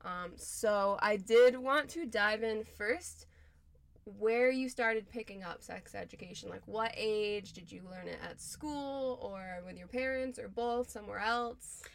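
Medium-pitched woman chatting inside a closet. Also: a little slow, vocal fry. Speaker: podcast co-host. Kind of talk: casual podcast chat.

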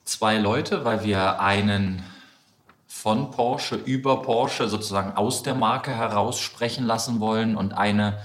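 A man answering interview questions as a guest in a measured, explanatory way, heard over low-quality remote audio. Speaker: podcast guest, communications head. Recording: roomy, degraded stream audio.

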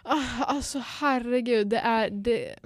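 A woman's voice: a little high, no room sound, studio quality. A young woman from Sweden co-hosting a casual chat podcast, gushing and laughing a lot while swearing freely. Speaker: podcast co-host.

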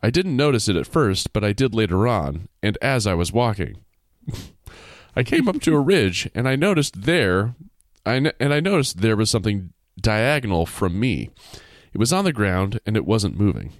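A man's voice: lowish voice, big pitch swings, moderate pace, dry recording, studio quality. A man co-hosting a casual podcast, reading a story aloud with playful jokey asides. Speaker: podcast co-host reading stories.

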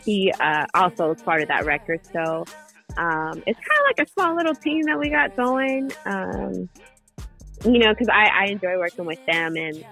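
A bubbly woman singer talks through a casual interview, excitable and quick to laugh. Her voice is bright and forceful, with faint music playing softly underneath. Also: medium pitch, vocal fry. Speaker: singer guest.

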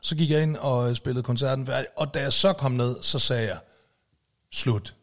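A man's voice: mid-range voice, steady tone, fairly bright tone. A man telling a story in casual podcast chat, with lots of fillers and tag questions and casual swearing. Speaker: podcast co-host, musician.

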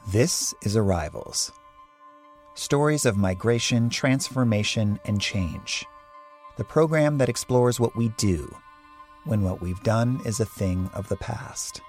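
A man with a fairly low voice hosts the show in scripted narration. He speaks in a measured, reflective way. Soft music plays faintly behind him. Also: lively intonation. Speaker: podcast host.

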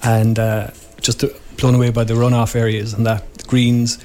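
A man's voice: medium pitch, completely flat delivery, moderate pace, darkish tone, a little hiss or hum. An Irish man giving informal commentary as a sports editor in a live radio interview.

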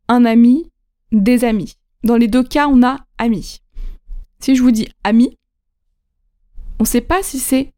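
Slow, high-voiced woman teaching. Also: mellow. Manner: repeats points, checks in with "ok?". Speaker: podcast host and French teacher. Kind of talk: slow, clear teaching talk.

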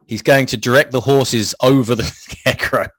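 A man's voice: medium pitch, steady tone, normal speed, a bit bright, breathy edge. A man playing a tabletop game, playful and jokey, describing his characters' actions. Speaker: player.

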